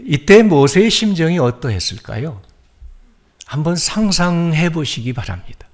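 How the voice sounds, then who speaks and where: A man's voice: fairly high pitch, very animated, measured pace. A male pastor giving a Sunday sermon, telling the story and asking the congregation questions.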